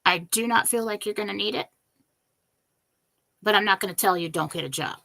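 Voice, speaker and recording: A woman's voice: mid-range voice, fairly quick, vocal fry, sharp tone. A woman giving psychic readings on a live stream, answering in a direct, matter-of-fact way with a scratchy voice. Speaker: psychic reader.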